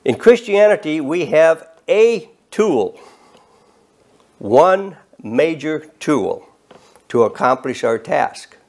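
A man of eighty preaching an earnest, measured sermon from a podium and rising in emphasis on key words. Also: fairly high pitch, big pitch swings, darkish tone. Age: 80s. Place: studio set with bookshelves and flags.

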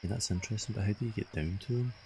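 A man's voice: on the low side, rapid-fire, darkish tone, slight background noise. A man with a Scottish accent giving casual live gameplay commentary and chatting to his viewers. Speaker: game streamer.

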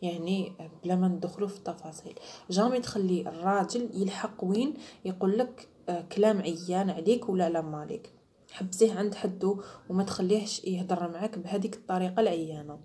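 Speaking quickly in a fairly low, dark-toned voice, this Algerian Arabic-accented woman offers casual advice to future brides in a vlog. Her delivery is emphatic and talkative, mixing in French and mimicking others.

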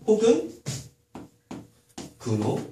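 Lively male math teacher, echoey room. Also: high-pitched, extremely slow, music in the background. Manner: lively, asks many rhetorical questions. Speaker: middle school math teacher. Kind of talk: classroom math lecture. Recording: echoey room, far from mic, faint noise.

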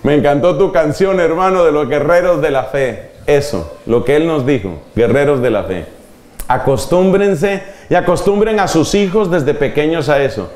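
A male preacher delivering a spirited sermon at a church gathering. His voice sits slightly high and swings up and down for emphasis. The sound rings through a roomy, echoing hall. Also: moderate pace. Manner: animated, shifting pitch for emphasis and quoted children. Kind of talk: sermon to a live audience. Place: large hall at a church retreat. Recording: echoey hall.

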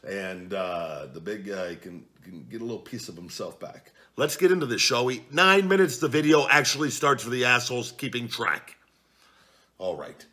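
At night in his home living room, a man in his forties sits at a table as a vlog host, casually reading viewer comments into a desk camera. Blunt and profane, he's expressive and moderately paced, swinging from low mutters to loud outbursts.

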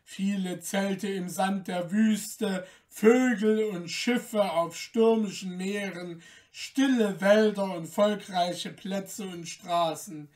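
A man hosting a podcast and reading a fairy tale aloud in a calm, gentle, measured way, recorded a little off the mic. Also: high-pitched, distant mic. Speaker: storyteller, podcast host.

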